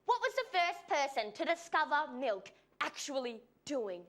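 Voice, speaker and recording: A woman delivering a wry, animated comic monologue to a studio audience. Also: sits high, moderate pace, a little hiss or hum. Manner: animated, wry, breaks into laughs. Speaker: comedy segment presenter. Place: television studio with live audience. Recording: live studio with audible audience.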